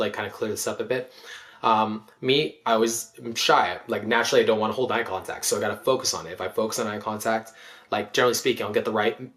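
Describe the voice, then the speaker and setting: Man, fast-talking, lowish voice, rambling, profane, casual commentary. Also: a bit bright. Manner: rambling, filler-heavy, swears a lot. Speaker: dating coach commentator.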